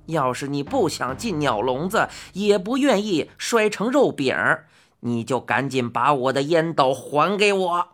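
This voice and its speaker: A woman voicing a strong, grumpy old man in a storybook reading, talking low, slow and grumbling. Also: very animated, heavily acted. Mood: gruff, bargaining.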